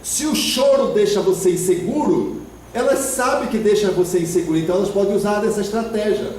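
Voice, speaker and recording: Brief: Brazilian male lecturer, high-pitched, animated storytelling, recorded from afar in a reverberant hall with faint noise. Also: a little fast. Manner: expressive, acts out parents and children. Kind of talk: spiritist lecture. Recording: echoey hall from far off.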